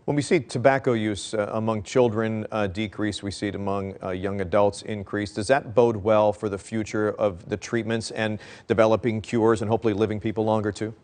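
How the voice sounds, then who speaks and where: A middle-aged man anchoring a studio news segment, asking brisk, friendly questions. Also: lowish voice, fairly even intonation, darkish tone.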